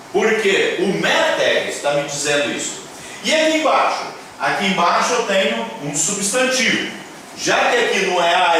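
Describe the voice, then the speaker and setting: A man teaching a class in a slow, deliberate way, his fairly high voice swinging widely up and down as he repeats each key word. He keeps checking that his listeners follow and cheers them on. The voice sits well back from the mic in a very echoey room with faint background noise. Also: bright, forceful tone, recorded from a distance. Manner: repeats key words slowly, checks in with "tá?" and "certo?"; encouraging, addresses viewers as "minha gente". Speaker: Hebrew teacher. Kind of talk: classroom-style lecture at a board.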